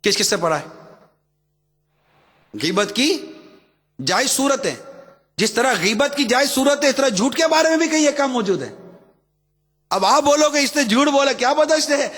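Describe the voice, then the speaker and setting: A male preacher with a very high, bright, ringing voice delivers an emphatic sermon. He drives his points home with repeated phrases and rhetorical questions, and his words trail off into the long reverb of a big hall. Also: animated, pauses often.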